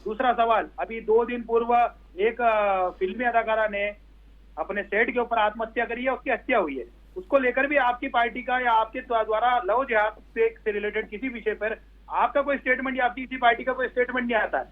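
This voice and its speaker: A man's voice: very high voice, steady tone, brisk. A man on a TV debate panel calling in over a phone line whose audio keeps breaking up. He asks pointed questions and repeats figures for emphasis. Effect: choppy, breaking-up phone line. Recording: tinny glitchy phone call.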